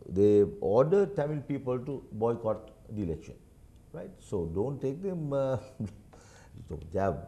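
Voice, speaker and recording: Emphatic Sri man, lively pitch. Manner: emphatic, insistent, keeps asking "right?". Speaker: political commentator guest. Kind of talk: studio news interview.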